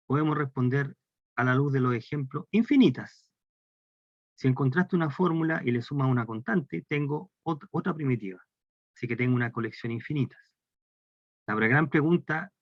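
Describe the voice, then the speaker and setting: A man's voice: medium pitch, lively intonation, moderate pace, long pauses, dry recording. A man lecturing on calculus with a Chilean Spanish accent, explaining step by step and posing questions to the class. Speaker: math lecturer. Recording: dry, dull lo-fi lecture recording.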